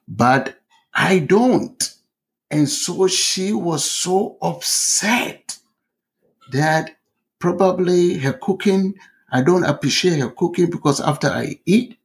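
A man's voice: on the high side, creaky. A middle-aged man from Ghana with a Ghanaian accent, telling his story as an interview guest, hesitant with many fillers and restarts. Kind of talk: conversational storytelling.

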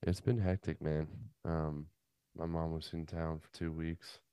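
Very deep-voiced man, even and low. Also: measured pace, clear, resonant tone, no room sound. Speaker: podcast co-host. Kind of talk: casual chat.

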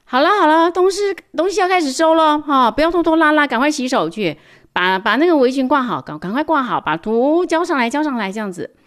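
A woman voicing a brisk, busy schoolteacher giving instructions in a storybook reading. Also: high-pitched, expressive, pitched above the performer's own voice. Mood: hurrying. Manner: bright, bossy classroom instructions. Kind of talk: picture book reading.

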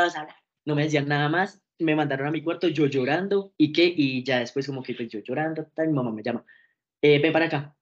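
A man's voice: medium pitch, lo-fi sound. A young man, telling his story as an interview guest in a casual way and acting out the voices of the people in it. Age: young adult. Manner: animated, acts out quoted dialogue.

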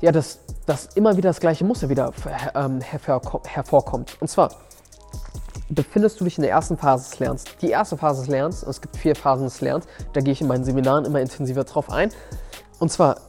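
A man who coaches seminars and hosts a motivational podcast talks a little fast in a mid-range, slightly mellow voice, with faint music behind him. He speaks emphatically, repeating key words and frequently starting over.

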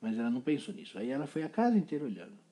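A man telling an improvised children's story in a playful, animated way. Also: medium pitch, racing, breathy edge.

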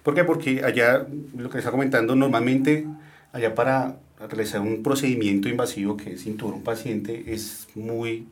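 A doctor from Colombia answering interview questions, explaining plainly and steadily with frequent fillers. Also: male voice, mid-range voice, fairly even intonation, moderate pace.

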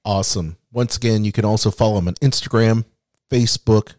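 Male podcast host, lower pitch, dry close sound, relaxed friendly hosting. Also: fairly quick, no echo. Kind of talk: casual interview hosting.

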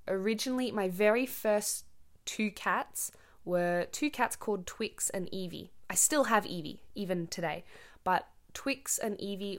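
A young woman hosting a casual podcast, rambling with many ums and stopping to explain words simply. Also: mid-range voice. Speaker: podcast host. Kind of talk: casual chatty monologue.

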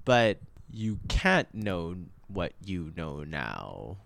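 A man's voice: low-pitched, huge pitch swings, extremely slow, creaky, fairly bright tone, slight background noise. A young man in casual chat at an apartment, asking questions and teasing his friend.

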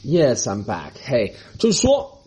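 A male comedian with a Mandarin Chinese accent runs a casual, joking monologue on his podcast. His voice is mellow and warm, and his pitch swings widely. He drops English phrases in and mocks other people's voices. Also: slow pace. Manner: animated, mixes English phrases, mocking voices.

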